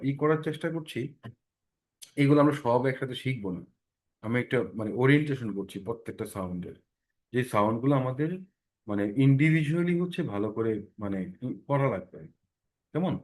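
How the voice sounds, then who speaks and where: A man's voice: medium pitch, lively intonation, brisk, pauses often. Patient man teaching pronunciation. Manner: explains patiently, repeating sounds many times and checking in with "ঠিক আছে?". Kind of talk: online class lesson.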